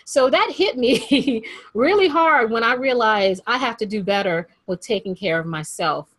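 A woman's voice: a little high, expressive, measured pace, no room sound. A woman hosting a podcast interview, upbeat and chatty, repeating phrases for emphasis. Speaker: podcast host.

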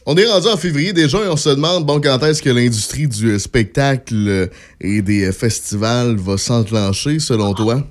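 A man hosts a radio chat, putting easy, relaxed questions to his columnist. His pitch sits in an ordinary middle range for a man. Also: moderate pace. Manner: relaxed, asks short questions. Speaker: radio host.

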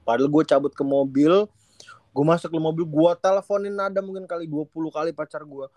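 A young man, telling an animated, slangy story on a podcast and acting out the dialogue. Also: fairly high pitch, a little fast, dry recording. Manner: animated, slangy, swears casually, acts out dialogue.

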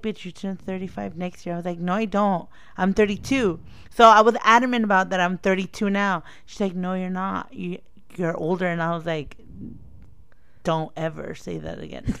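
A woman in her thirties co-hosts a podcast in casual chat, blunt and teasing, laughing easily and occasionally slipping into Spanish. Her medium-pitched voice is clear and resonant.

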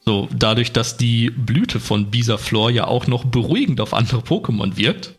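A man's voice: medium pitch, moderate pace, slightly rough, soft background music. A man co-hosting a casual podcast chat, dropping dry, offbeat remarks. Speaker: podcast co-host.

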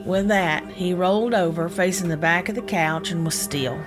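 A woman's voice: on the low side, moderate pace, over music. A middle-aged woman, telling a scripted personal story in a folksy, descriptive way as a podcast host. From United States (Indiana, Kentucky). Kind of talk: scripted personal narration, ghost story memoir.

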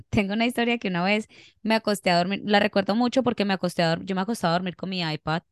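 A young Colombian woman chats on a podcast, rambling through stories with easy laughs. Her voice is smooth and resonant, at a middling pitch. The sound is dry and close. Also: fast, no echo. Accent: Colombian Spanish. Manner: chatty, laughing, rambling storyteller. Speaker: podcast co-host. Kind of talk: casual chat.

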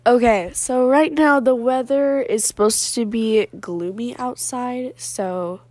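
A woman's voice: a little high, slow pace, a little mellow, no room sound. A woman asking casual interview questions at home, laughing often between them.

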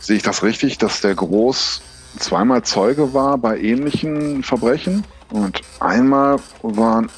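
Ein Mann spielt einen brutalen Polizeikommissar, der nüchtern und sachlich spricht und dabei kalt droht. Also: male voice, medium pitch, a little slow, lightly acted. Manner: plain, matter-of-fact, coldly threatening. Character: brutal, rule-breaking male police detective.

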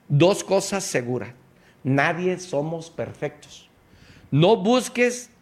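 Slow, emphatic motivational radio man. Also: on the high side, fairly bright tone. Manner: preachy, emphatic, direct address to listener.

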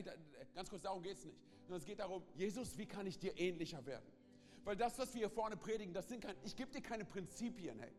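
A pastor preaching an emphatic sermon at a church service, breaking in often with quick asides to the congregation. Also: male voice, high voice, long reverb tail. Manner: emphatic, with frequent "hey" and "ganz kurz" interjections.

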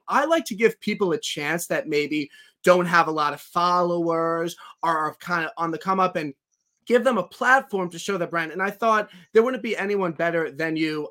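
Guy hosting a podcast, bright crisp voice, jokey and teasing, trips over his words. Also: on the high side. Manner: teasing, jokey, stammers on restarts. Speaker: podcast host. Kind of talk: casual podcast banter.

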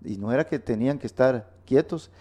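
A man's voice: mid-range voice, a little fast, dark tone. A man hosting a radio Bible teaching, emphatic and repeating words for stress. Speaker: radio program host. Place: radio studio.

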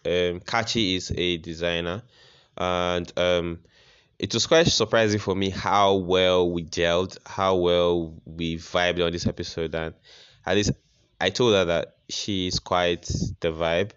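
A man introducing his podcast in a relaxed way, with many pauses and ums. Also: low voice, clean tone. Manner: laid-back, lots of ums. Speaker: podcast host. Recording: dull lo-fi audio, faint music behind.

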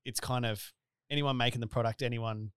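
A man's voice: medium pitch, steady tone, brisk, a bit bright, clean tone, dry recording, studio quality. A man in his thirties with a broad Australian accent, hosting a casual interview in a rambling, colloquial, blokey way. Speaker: podcast host and business owner.

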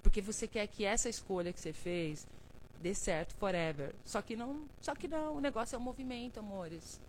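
A woman hosting a live stream as a self-help speaker, talking casually and warmly to viewers by name, coaxing and motivational, with frequent chuckles. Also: mid-range voice, brisk, a little hiss or hum, poor audio. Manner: affectionate, calls viewers by name and "love"; playful, chuckles often.

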